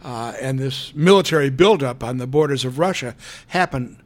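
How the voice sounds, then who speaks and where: A man's voice: mid-range voice, normal speed. Man co-host asking pointed questions. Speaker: radio show co-host. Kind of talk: interview questions with commentary.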